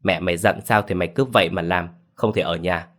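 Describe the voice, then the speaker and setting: A drunk, angry father, voiced by a male narrator, snaps at his young daughter. His speech is slurred and low. The character appears in a told ghost story. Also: fairly quick, a bit bright. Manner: slurred, scolding.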